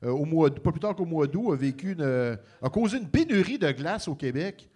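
A man with a Quebec French accent co-hosts a podcast and lays out information he has looked up. His voice sits slightly high and stays conversational. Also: lively intonation, fairly quick, a little mellow. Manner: explanatory, reads out information. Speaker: podcast co-host reading listener questions. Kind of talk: casual chat.

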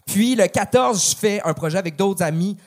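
A man, a guest comedian on a podcast, giving playful deadpan answers. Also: sits high, moderate pace. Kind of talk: casual podcast chat.

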